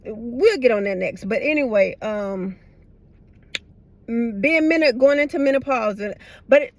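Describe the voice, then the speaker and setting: A middle-aged woman vlogs from inside a parked car, tired and talking candidly to viewers in a rambling, blunt, slangy style; retainers give her a slight lisp. Her fairly high voice has lively intonation and a measured pace, recorded with no echo.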